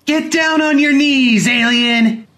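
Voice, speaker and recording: A man's voice: extremely high pitch, takes it slowly, bright, forceful tone, pitched above the performer's own voice, heavily acted. A man voicing a bratty young boy who screams and whines demands. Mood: bossy. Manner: screaming, whiny.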